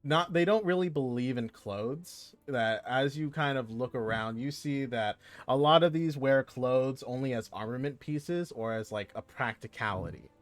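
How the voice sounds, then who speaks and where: A man's voice: mid-range voice, normal speed, few pauses, no room sound. A man narrating as game master in a casual, meandering way, full of fillers and restarts. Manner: meandering, heavy use of fillers.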